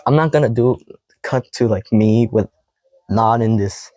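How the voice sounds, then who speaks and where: A young man vlogging casually to camera, reading out old text messages in a rambling, halting way with heavy sighs. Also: fairly low pitch, dry recording, low-quality recording. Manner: quoting text messages in a flat tone.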